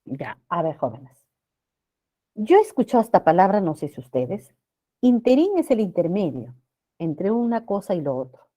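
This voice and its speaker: A woman teaches a grammar class, speaking in a lowish voice that rises and falls expressively. She keeps checking in with her students and stretches key words out slowly to stress them. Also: sing-song, warm tone. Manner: addresses students with frequent checking questions.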